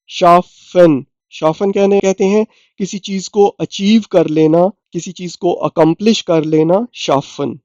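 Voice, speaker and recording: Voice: medium pitch, darkish tone, dry recording, muffled recording. A language teacher giving a beginner lesson, spelling out each word letter by letter and repeating it.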